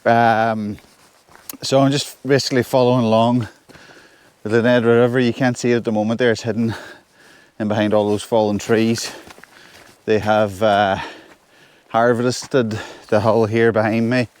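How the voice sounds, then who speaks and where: A man's voice: on the low side, level tone, normal speed, a little mellow, clean tone, no room sound. Northern Irish man talking while trudging through snow. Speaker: solo hiker vlogging. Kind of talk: casual walking vlog. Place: outdoors on a snowy hill forest track.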